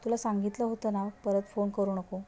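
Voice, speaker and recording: A woman narrator voicing a hurt, angry young woman who answers curtly, in a mellow voice close to her own. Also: mid-range voice, little pitch movement, a little fast, slight background noise, lightly acted. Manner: snapping, curt.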